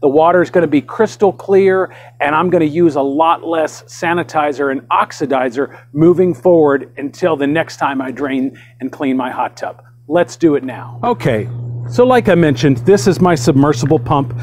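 A man's voice: a little high, normal speed. A man in his forties hosting a casual how-to demo in a backyard, talking upbeat and chatty while he works. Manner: upbeat, chatty, talks while doing tasks. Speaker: hot tub how-to host. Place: outdoor backyard beside a hot tub.

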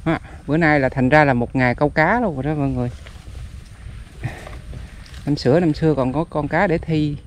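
Male vlogger with a Southern Vietnamese accent. High, chatty voice, outdoor camera mic, faint background ambience. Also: a little fast, long pauses, a little hiss or hum. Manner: chatty, laughing, addresses viewers. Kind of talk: casual rural fishing vlog. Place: outdoors by a rural canal.

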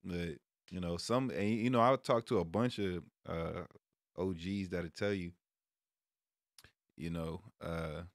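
Deep-voiced and slow, pausing often, a thirtysomething American streamer who hosts a sports vlog talks laid-back and slangy to camera. He's indoors in a small room at home, wearing a headset in front of a close stand mic, and the recording is clean studio sound without echo.

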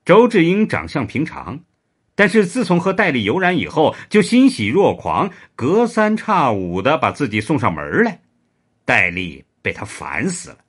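A man narrating a serialized historical story in an expressive, animated way. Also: mid-range voice.

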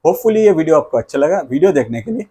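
A video creator and host explains the news to camera with a fast, mellow, somewhat high voice that swings widely in pitch and has a breathy edge. He leans on repetitive catchphrases and mixes in English phrases, recorded on a lapel mic in a small, plain indoor room.

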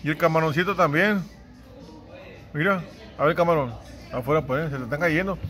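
A man's voice: on the high side, moderate pace, fairly bright tone, soft background music. A man with a Mexican accent teasing a friend in casual chat at a seafood restaurant, laughing often. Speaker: vlogger filming a friend.

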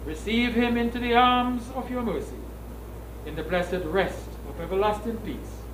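A middle-aged man, a priest, reading solemn funeral prayers in a measured, formal way with pauses. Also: high-pitched, fairly even intonation. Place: small indoor funeral service room. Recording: echoey room, distant mic, background noise.

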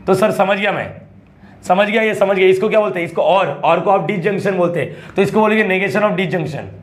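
High-voiced man teaching math. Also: moderate pace. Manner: colloquial, asks students frequent check questions. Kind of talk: classroom lecture.

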